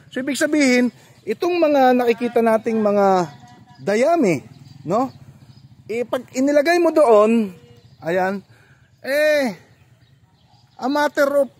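A man hosting a farming vlog, chatting casually as he walks viewers through farm equipment and often checks in with a quick question tag. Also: very high-pitched. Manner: chatty, explains step by step, often tags "no?". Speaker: farming vlogger and host. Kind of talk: casual walk-through commentary.

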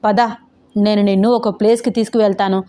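A woman's voice: mid-range voice, little pitch movement, brisk, mellow, lightly acted. A woman voicing a playful, teasing young man who patiently teaches his girlfriend to ride a scooter, read as an audio novel character. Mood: gentle.

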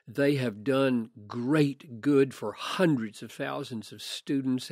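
An older man, a pastor, gives a measured, earnest answer to a listener's question, often restarting phrases. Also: mid-range voice, darkish tone, no room sound, studio quality. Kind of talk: thoughtful podcast answer.

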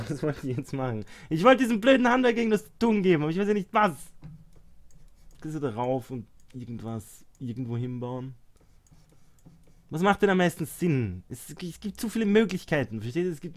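A young man casually commenting on his strategy game, sarcastic and chatty, talking to his units and muttering at distractions. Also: medium pitch. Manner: chatty, sarcastic, talks to game units and phone, mixes English swears. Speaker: let's play host.

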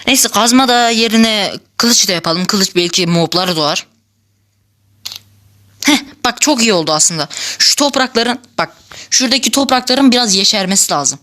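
Excitable woman chatting over gameplay. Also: a little high, normal speed. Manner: chatty and excitable, laughing often, talking straight to viewers. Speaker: gaming channel host. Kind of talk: casual gameplay commentary.

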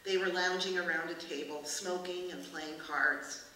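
A woman author reading aloud from her novel at a book festival, in measured, expressive narration. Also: fairly low pitch. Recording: echoey room from far off, hiss.

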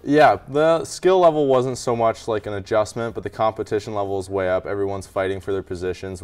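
A young Canadian man, a college hockey goalie appearing as a guest, answers questions through a lapel mic in a small brick-walled TV studio. His low voice is clean and smooth, and he talks quickly, relaxed and modest, with many fillers like "kinda" and "um."

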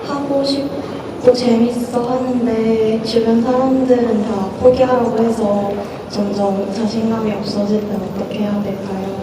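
A woman in the audience asking the speaker a question in a measured, even way. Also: a little high, a crowd in the background. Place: lecture hall with audience. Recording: distant mic, echoey hall, audience noise.

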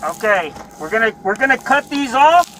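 A man's voice: very high voice, sing-song, normal speed, sharp tone. A male police officer informally explaining each step to a detainee and checking that he agrees. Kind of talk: instructing and questioning a detainee. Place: aircraft cabin, body-worn camera. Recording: noisy aircraft cabin body-camera audio.

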